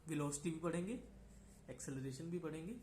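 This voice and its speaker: Higher-pitched man teaching physics in an echoey room. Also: a little fast, warm tone, slight background noise. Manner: explains step by step, often checks in with "है ना". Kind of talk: classroom lecture mixing Hindi and English.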